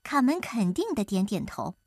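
A woman narrating a children's story in an expressive, animated way. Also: medium pitch, normal speed, no room sound, studio quality.

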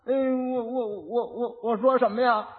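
A man's voice: very high voice, fairly even intonation, a little slow. A man voicing a dim-witted young rich husband who stutters and repeats his words, on a dull old recording with long reverb. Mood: bewildered.

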